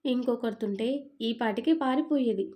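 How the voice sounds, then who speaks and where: A woman's voice: fairly high pitch, moderate pace, mellow, close to an everyday voice. A woman voicing a sulky, talkative young newlywed wife in an audio story, complaining in a pouting tone.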